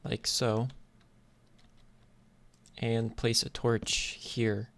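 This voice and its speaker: Very slowly and with little variation in pitch, a medium-voiced man provides laid-back gameplay commentary, hesitating and thinking aloud. This gaming YouTuber's noisy mic picks up clicks and typing.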